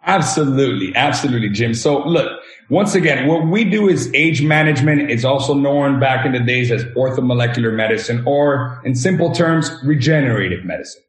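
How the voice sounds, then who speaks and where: A Venezuelan man in his thirties, appearing as an interview guest, earnestly explains his health practice and leans on examples. His mid-range voice is expressive and fairly quick with few pauses, and the recording has a roomy echo.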